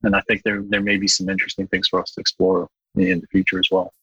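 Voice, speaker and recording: Earnest lower-voiced man, podcast guest. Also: fast talker, creaky, pushed and bright, breathy edge, no room sound, dull audio. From Bangladesh. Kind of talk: podcast interview.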